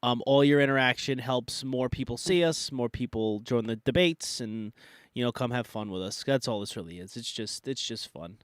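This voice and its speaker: Medium-pitched and smooth, this podcast co-host speaks at a moderate pace with no room sound. He's nasal from a cold and talks casually during a live debate-style chat, rambling and using many fillers and restarts.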